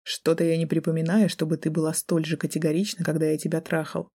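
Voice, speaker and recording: A woman narrator voicing a mocking, menacing young male student in an audiobook, speaking low and soft in a taunting way. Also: completely flat delivery, fast, breathy edge. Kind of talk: audiobook character voice.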